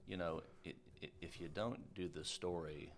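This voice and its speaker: A man with a very low voice and a gravelly fry, co-hosting a podcast. He talks in a halting way and repeats his opening words. A faint hiss of noise sits under the recording. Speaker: podcast co-host. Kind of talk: casual conversation.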